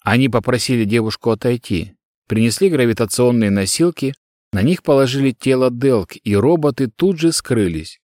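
A man reading a story aloud as narrator, with steady, even storytelling. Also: medium pitch, normal speed, no room sound, studio quality. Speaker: audiobook narrator. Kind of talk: scripted narration.

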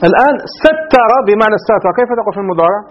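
High-voiced man teaching grammar slowly. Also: lively intonation, a little hiss or hum. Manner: stretches key words slowly, often asks the class if it is clear. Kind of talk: Arabic grammar lesson. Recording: dull lo-fi recording.

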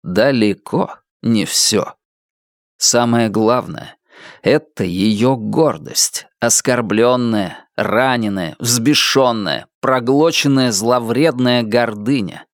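A man reading an audiobook in a steady, dramatic storytelling manner. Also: mid-range voice, slow pace, no room sound, clean studio sound. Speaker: audiobook reader. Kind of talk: scripted narration.

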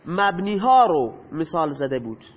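A man's voice: a little high, very animated. A man teaching a grammar lesson, patiently explaining and asking his students questions that he then answers himself. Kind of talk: lecture explaining Arabic grammar. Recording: dull lo-fi audio with long reverb.

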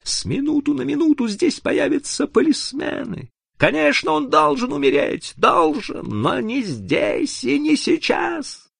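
A man's voice: very animated, slow, a bit bright, no echo, full character voice. A man voicing a cruel, scheming female villain who hisses her words in an audiobook reading. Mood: shrill. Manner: hissing, shrill.

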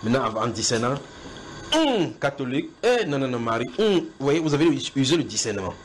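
A man delivers a house church sermon at a middle pitch. He circles back over the same phrases and keeps turning to his listeners with direct questions. Steady background noise runs under the recording. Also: fairly quick, rough recording. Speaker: preacher.

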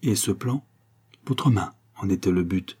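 A man reading an audiobook, voicing a calm and composed countess who speaks in a cool, measured way. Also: low voice, slightly rough.

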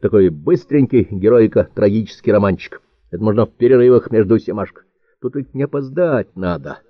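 A man's voice: fairly low pitch, a little fast, dry recording, narrow, tinny audio, natural voice. A man voicing a vain, self-assured male writer in an audiobook, speaking emphatically. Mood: eager. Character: vain, pushy middle-aged male writer.

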